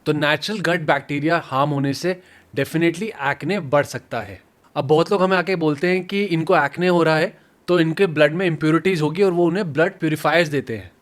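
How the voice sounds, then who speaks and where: A man's voice: a little high, fairly quick. Instructive man with a raised voice. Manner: instructive, step-by-step, mixes English terms. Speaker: dermatologist. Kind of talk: medical explainer.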